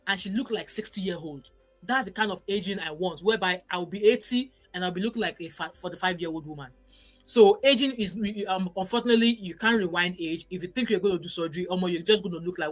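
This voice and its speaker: Chatty fast-talking Nigerian woman. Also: on the low side, soft background music. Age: 40s. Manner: chatty, emphatic, drops in pidgin words. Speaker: live-stream host reading viewer comments. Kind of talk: casual live-stream commentary.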